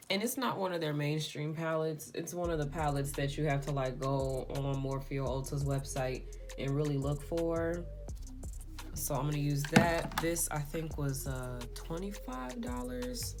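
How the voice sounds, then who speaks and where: Casual beauty vlogger, woman, low voice, flat rambling delivery, music underneath. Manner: rambling, filler-heavy, self-described monotone. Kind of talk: casual makeup tutorial talk-through. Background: background music.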